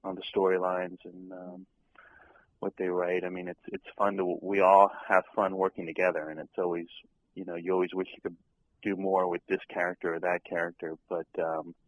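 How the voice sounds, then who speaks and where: A young man with a very low, deep voice talks in a relaxed interview. He stumbles through ums and false starts. He laughs easily as he chats about his work. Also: poor audio. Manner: halting, many ums and restarts, laughs easily. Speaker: actor being interviewed. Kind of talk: casual interview chat.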